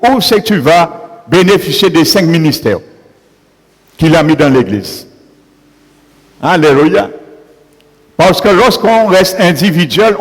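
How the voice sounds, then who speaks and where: A pastor preaches a sermon in a fairly high, slightly rough voice, punctuating his points with repeated calls of alleluia. The recording carries a long hall reverb.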